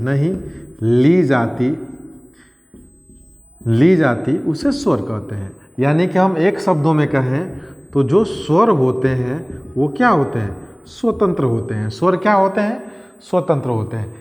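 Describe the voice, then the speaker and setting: A male teacher giving an exam-prep grammar lesson, repeating key phrases and quizzing his pupils as he goes. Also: fairly high pitch. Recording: echoey room with long reverb.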